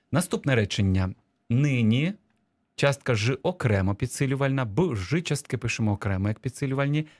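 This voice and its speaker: A man's voice: mid-range voice, dry recording. Patient man explaining spelling on radio. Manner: patient, explanatory, dictating slowly word by word. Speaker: language teacher explaining a dictation. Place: radio studio.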